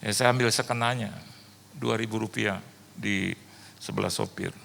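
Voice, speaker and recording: A man pastor preaching a sermon in lively storytelling fashion from a church stage, with a reverberant hall around him. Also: fairly low pitch, normal speed, gravelly, slight background noise. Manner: animated storytelling, rhetorical "Halo?" checks.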